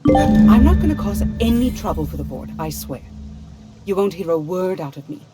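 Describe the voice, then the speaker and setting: A woman's voice: mid-range voice, sing-song, moderate pace, over loud music, natural voice. An actress playing a frightened, nervously pleading young woman in a video game. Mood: terrified, pleading. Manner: nervous, pleading, stammering informant.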